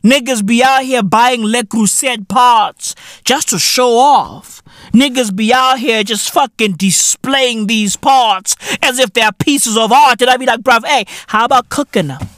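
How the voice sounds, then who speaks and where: A man from Africa, hosting a podcast in a loud, rambling, profane comedic monologue full of slang and laughter. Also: very high voice, a little slow, dry recording. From South Africa. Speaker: podcast host.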